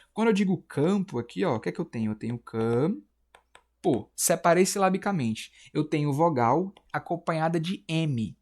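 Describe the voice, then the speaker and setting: Man, Brazilian accent, teacher, casual exam-prep lesson, slangy and chatty, animated pitch. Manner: slangy, chatty, keeps asking "né?" and "beleza?". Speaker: Portuguese teacher.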